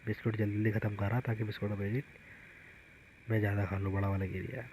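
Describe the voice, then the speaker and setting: Man, father narrating a home vlog, chatty storytelling, low voice, noisy background. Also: little pitch movement, quick pace, darkish tone. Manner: chatty storytelling, retelling the kids' antics. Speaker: father vlogging about his sons.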